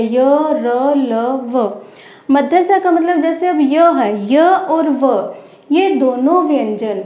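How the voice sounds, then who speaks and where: A woman teaching a grammar lesson to schoolchildren. She asks the class questions, answers them herself, and repeats the key terms. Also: sits high. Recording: roomy, dull lo-fi classroom recording.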